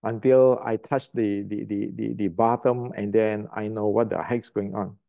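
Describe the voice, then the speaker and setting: A man's voice: on the low side, fairly even intonation, a little slow, creaky, phone-quality sound. An older man from Indonesia, giving a blunt, emphatic martial arts lecture to the camera and repeating words as he searches for them.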